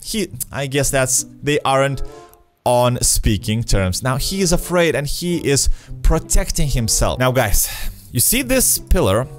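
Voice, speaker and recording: A man's voice: mid-range voice, big pitch swings, a little slow. Young man commentating over game music. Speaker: video game let's player. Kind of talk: casual gameplay commentary, reading game dialogue aloud. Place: small indoor room. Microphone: close desk microphone with headset.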